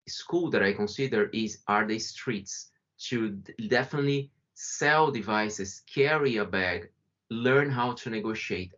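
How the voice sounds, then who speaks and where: A Brazilian man with a Brazilian accent and a fairly low, fairly bright voice gives a conversational webinar presentation over a video call, often restarting and correcting himself. He's calling remotely from home or an office, and the video call mic makes the audio muffled.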